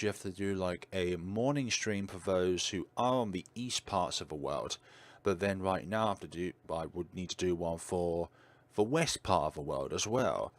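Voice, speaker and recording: A man with a deep voice, chatting casually on a livestream with lots of fillers and a slight stutter. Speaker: streamer.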